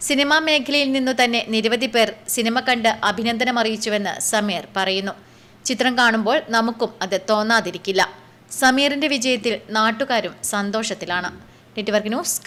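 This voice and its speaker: A woman reporter narrating a news story in clear, formal speech. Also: on the high side, normal speed, a bit bright.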